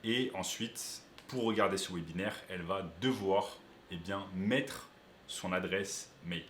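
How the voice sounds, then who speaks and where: Low-voiced man explaining an online tutorial. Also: measured pace, fairly bright tone, reverberant, slight background noise. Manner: explains step by step to viewers. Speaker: online business coach. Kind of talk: screen-share tutorial.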